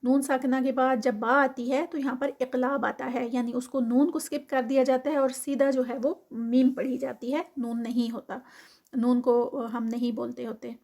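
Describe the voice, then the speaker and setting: A woman teaching tajweed, reciting phrases slowly and drawn out, then explaining the rules quickly and plainly. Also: high voice, flat delivery, a little mellow.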